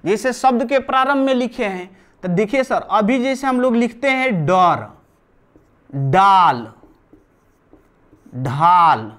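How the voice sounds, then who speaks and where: A man's voice: very high-pitched, lively intonation, moderate pace, fairly bright tone. A man teaching a live online grammar class, explaining step by step and repeating key terms while he writes on a board.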